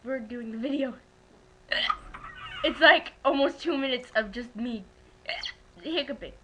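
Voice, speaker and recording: A woman's voice: high-pitched, a little slow, a bit bright, slight background noise, rough recording. A young woman with the hiccups, joking with friends at home in front of a webcam. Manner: joking, teasing. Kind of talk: casual chat among friends.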